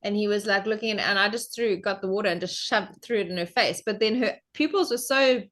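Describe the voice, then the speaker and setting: A young adult woman, a guest on a podcast, telling a story in casual chat and acting out what people said with big leaps in her voice. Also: fairly quick. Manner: animated storyteller, acts out quotes with big pitch jumps.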